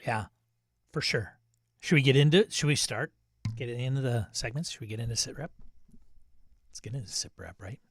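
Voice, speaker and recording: A man's voice: medium pitch, animated, normal speed, long pauses, slight background noise. A man from the United States co-hosting a podcast, talking casually with lots of fillers and trailing-off sentences, poking fun at himself. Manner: chatty, self-deprecating, trails off into filler. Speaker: podcast co-host. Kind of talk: casual chat.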